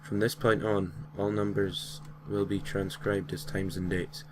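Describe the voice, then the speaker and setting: Reading a creepypasta aloud a little slowly, a man with a deep voice gives a flat, amateur narration. Now and then he stumbles and fixes his words, and there is clear background noise in the home recording.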